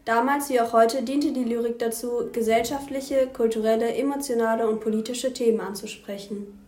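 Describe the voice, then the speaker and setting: A woman with a fairly high voice reads a scripted school lesson. Her delivery is even and careful. The room around her gives the voice a clear echo. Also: moderate pace. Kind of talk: scripted educational narration.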